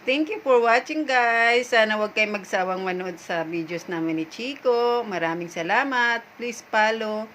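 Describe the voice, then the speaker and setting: A woman's voice: a little high, unhurried, fairly bright tone, a little hiss or hum. A woman filming a casual vlog at home, playfully coaxing her dog and laughing often. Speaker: vlogger.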